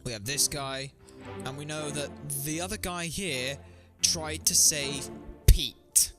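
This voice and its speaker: A man doing let's play commentary, thinking aloud and getting excitable about a puzzle game. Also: on the high side, slow. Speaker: gaming streamer. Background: background music.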